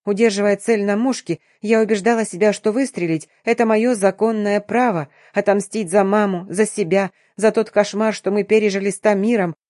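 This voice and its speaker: A woman reads a first-person novel aloud with brisk, tense storytelling, keeping her voice at a middle pitch. The sound is dry and close, with no room echo. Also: fairly even intonation, darkish tone. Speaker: audiobook narrator. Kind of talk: first-person scripted narration.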